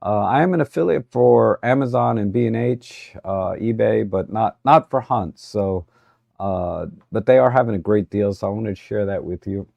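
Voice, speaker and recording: Hoarse man with a gravelly low voice. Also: darkish tone, no echo, lo-fi sound. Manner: halting, many fillers and restarts. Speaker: livestream host. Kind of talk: casual livestream chat.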